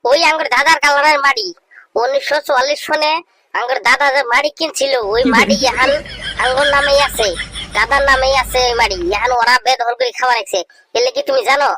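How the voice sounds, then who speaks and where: In this noisy amateur recording full of clicks, a woman with a high voice plays an aggrieved poor villager in a comedy skit. Her tone is steady, brisk, bright and forceful as she complains insistently in a rural Bengali dialect, scheming over family land.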